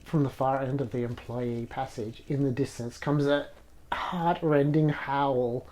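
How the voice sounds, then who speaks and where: A man's voice: medium pitch, level tone, normal speed, dark tone. A man casually chatting and reading game text aloud during a let's play. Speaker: game player.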